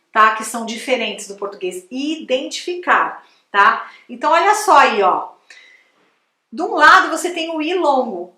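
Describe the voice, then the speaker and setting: A woman's voice: high voice, pushed and bright, roomy sound. A woman from Brazil teaching English pronunciation in a chatty video lesson, exaggerating the sounds to demonstrate them.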